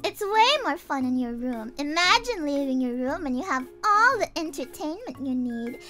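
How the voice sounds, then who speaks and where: A woman's voice: sits high, big pitch swings, normal speed, pushed and bright, faint music behind. A woman chatting casually on a livestream as a cute anime streamer, childlike and playful, with cutesy verbal tics. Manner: cute anime streamer, childlike, refers to herself in third person. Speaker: virtual streamer introducing herself.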